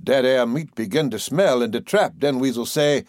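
A man's voice: medium pitch, moderate pace, darkish tone, dry recording, studio quality, close to an everyday voice. A man reciting as a folksy old storyteller with a drawl. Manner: fond, scolding, folksy drawl. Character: old storyteller coaxing a fussy child. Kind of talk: dialect poem recitation.

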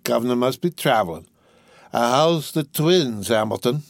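A man's voice: lowish voice, expressive, slow, creaky, no room sound, studio quality, voice pushed down, full character voice. A man voicing a drunken, boastful rich young man who slurs, rambles and keeps breaking into laughter. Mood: drunk giggly.

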